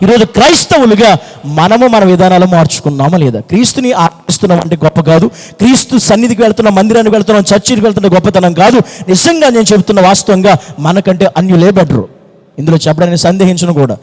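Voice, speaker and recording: A man's voice: high voice, rapid-fire, a little mellow, in a large hall. A man preaching a fervent sermon as pastor, repeating phrases and firing rhetorical questions. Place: church hall.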